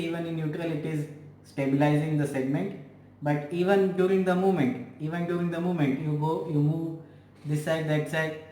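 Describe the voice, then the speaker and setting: A man giving a physiotherapy lecture, explaining slowly with frequent repetition and restarts. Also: fairly high pitch, darkish tone. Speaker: physiotherapy teacher. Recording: echoey room with faint ambient noise.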